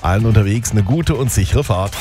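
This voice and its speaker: A man's voice: fairly low pitch, animated, brisk, loud music behind the voice. A man hosting a morning radio show, chatty and upbeat, reading traffic and speed camera reports.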